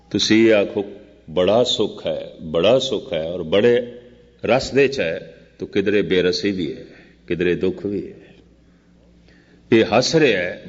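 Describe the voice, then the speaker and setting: Older man preaching slowly in a reverberant hall. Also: fairly low pitch. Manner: slow, measured, repetitive contrasting phrases; chants quoted verse very slowly. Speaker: Sikh preacher giving katha. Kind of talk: scripture discourse sermon. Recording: muffled old recording with long hall reverb.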